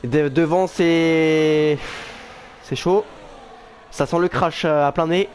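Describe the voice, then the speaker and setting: Speaking slowly with fairly even intonation and a fairly high pitch, a man gives casual live commentary on an online sim race, exclaiming and thinking aloud. Background noise comes through clearly.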